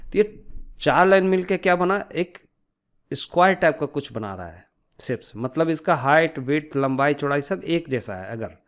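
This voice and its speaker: A man leads an informal step-by-step tutorial, posing questions and answering them himself while mixing in English technical terms. His fairly high voice is animated, at a moderate pace.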